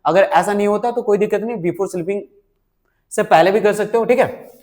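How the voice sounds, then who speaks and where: A man's voice: sits high, moderate pace, darkish tone. A man teaching a spoken English lesson, mixing Hindi with English words and often checking on learners with short questions. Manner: repeats "ठीक है?" and "right?" to check on learners; asks questions and answers them himself.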